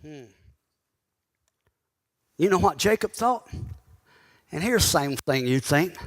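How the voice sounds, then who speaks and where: A male pastor teaches a sermon in a conversational way, calling out to his congregation and putting pointed questions to them. His voice is a little high and expressive, and he speaks slowly.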